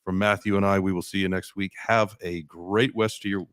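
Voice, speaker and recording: A man's voice: low-pitched, steady tone, brisk, a bit bright, no room sound, studio quality. A man hosting a talk show in an informal, jokey, chatty way. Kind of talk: casual chat.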